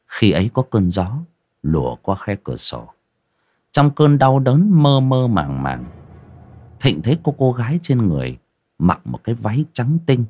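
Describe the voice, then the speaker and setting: A man giving dramatic, expressive scripted horror story narration, dropping low and hushed at eerie moments. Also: breathy edge.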